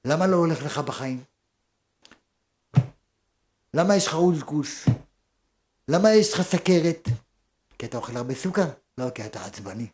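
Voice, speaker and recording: A rabbi giving a Torah lesson in a fairly high voice. He piles up rhetorical questions, rising to urgent emphasis and then dropping to a low, quiet delivery. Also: expressive, slight background noise. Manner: rhetorical questions, swings from loud to hushed.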